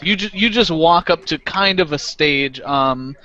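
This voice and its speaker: A man running a tabletop game as game master, talking in a relaxed way with many fillers. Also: a little high, measured pace. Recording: lo-fi muffled recording.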